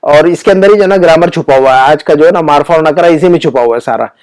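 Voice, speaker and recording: A middle-aged Arabic teacher with a fairly high, darkish voice gives a grammar lesson in class. He explains patiently, repeats key terms, and keeps throwing in quick check-in questions. Word lists are read out slowly, one at a time.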